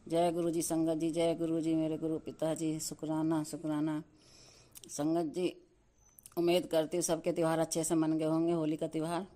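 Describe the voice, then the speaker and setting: Her voice is low and mellow as this middle-aged woman from Delhi shares her testimony with fellow congregants. Devout and repetitive, she speaks haltingly, frequently breaking off mid-word and beginning again.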